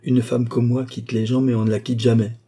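A man's voice: medium pitch, moderate pace, warm tone, slightly rough, natural voice. A man voicing a proud, passionate female courtesan in an audiobook reading, raising his voice for her. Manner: haughty, passionate.

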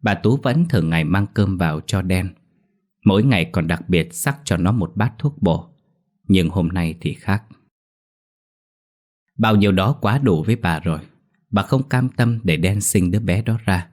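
A man narrating a horror story in a steady, grave manner. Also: low voice, normal speed.

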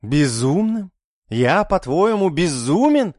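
A man's voice: a little high, big pitch swings, measured pace, no echo, clean studio sound, voice pushed up. A man voicing an obsessed young male scientist chasing immortality, fervent and scornful. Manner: fervent, scornful, rising to outbursts.

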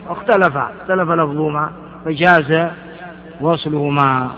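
A man with a high voice leads a grammar lesson. He explains step by step and keeps stopping to quiz his students with short questions. The recording sounds muffled and lo-fi. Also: sharp tone. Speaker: teacher of Arabic grammar. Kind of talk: classroom lesson explaining verses. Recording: dull lo-fi lecture recording.

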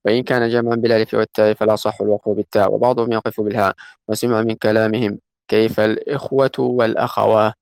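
Man, reading a classical grammar text aloud, quick recitation, gravelly voice. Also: on the low side, level tone, darkish tone, no echo. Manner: fast recitation, slows to chant quoted verses.

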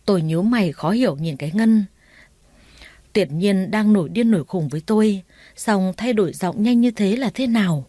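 A woman reading a first-person story aloud in a steady storytelling voice. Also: mid-range voice, moderate pace, no room sound. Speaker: narrator. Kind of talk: audiobook story narration.

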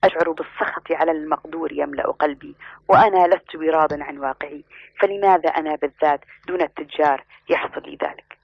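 A man's voice: on the high side, fast talker, gravelly, slightly rough, no echo. A man voicing a panicked, bitter male merchant who is out of breath and complaining. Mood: resentful. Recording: muffled lo-fi recording.

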